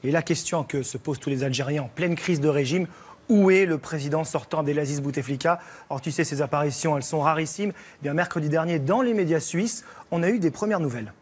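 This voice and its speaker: A man working as a TV reporter, presenting a lively news report in a conversational way that builds suspense. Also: fairly high pitch, fairly quick, breathy edge. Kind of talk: lively spoken report to studio.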